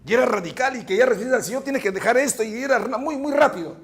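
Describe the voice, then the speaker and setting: A male pastor preaching a fervent sermon, moving from hushed storytelling to shouted points and often repeating words. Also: extremely high pitch, fast. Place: church.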